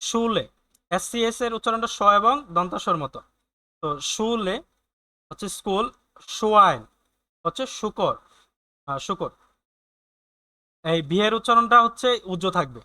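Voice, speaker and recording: Bright-voiced man teaching German. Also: high voice, lively intonation. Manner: hesitant, many fillers and restarts; explains patiently, repeats sounds slowly. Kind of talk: online language lesson.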